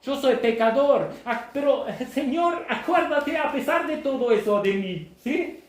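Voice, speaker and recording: A man preaching a sermon, emphatic and half shouting, often checking in with listeners. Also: very high voice, animated, measured pace. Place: church hall. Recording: echoey church room.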